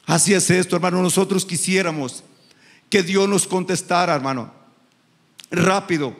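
A middle-aged man preaching a passionate sermon, calling his listeners "brother" again and again and rising into sung, shouted phrases. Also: sits high, normal speed. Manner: impassioned, repeats "hermano" often; rises into sung, shouted cadences. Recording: echoey hall reverb.

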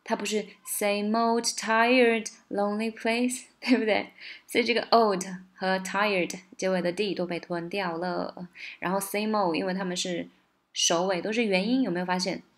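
Woman teaching song lyrics, chatty and quick, then sings lines slow. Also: medium pitch, steady tone. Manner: explains briskly, then sings phrases slowly with rising stress. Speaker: English song tutor. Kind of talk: casual spoken lesson, singing lyric lines slowly.

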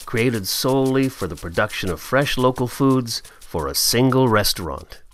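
Deep-voiced male voice-over, calm and lively. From Canada. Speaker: narrator. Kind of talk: scripted promotional voice-over.

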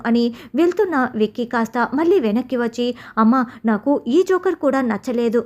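A woman's voice: a little high, darkish tone. A woman retelling the scenes of a TV serial episode, reading out every character's lines in her own voice. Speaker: recap narrator.

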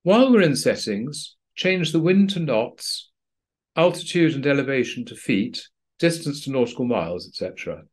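A man narrating a screen-recorded software tutorial for pilots in a plain, practical, dryly understated way. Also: medium pitch, very animated, normal speed. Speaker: flight training instructor.

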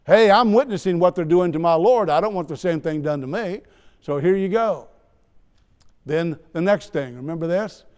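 A man's voice: high voice, moderate pace, darkish tone, smooth. A man preaching a sermon in a church, talking conversationally with asides and light teasing. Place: church sanctuary. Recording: long church hall reverb.

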